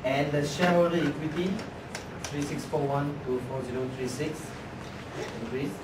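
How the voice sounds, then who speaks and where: A man's voice: fairly high pitch, moderate pace. A man with a Malaysian accent speaking clipped Manglish-style English as he gives an informal financial presentation. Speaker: presenter at a mock company meeting. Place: indoor room, far from the mic. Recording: noisy, echoey room, distant microphone.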